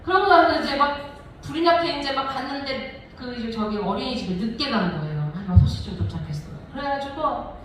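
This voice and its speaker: A woman in her forties, a missionary telling her testimony as a sermon, lively and laughing often as she tells the story. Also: sits high, a little fast, far from the mic, a little hiss or hum. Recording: echoey hall, voice from afar.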